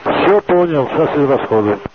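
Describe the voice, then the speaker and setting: Aircrew man, slightly high voice, brief businesslike reports, two-way radio with tinny sound and clear static. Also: animated, normal speed. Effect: over a two-way radio. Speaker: aircraft crew member reporting to ground. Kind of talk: radio traffic procedure.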